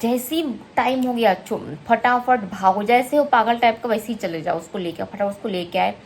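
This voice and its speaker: A woman's voice: on the high side, moderate pace, slight background noise. A woman, a single mother chatting casually in a vlog and venting about critics. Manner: chatty, venting, switches to soft talk with her child.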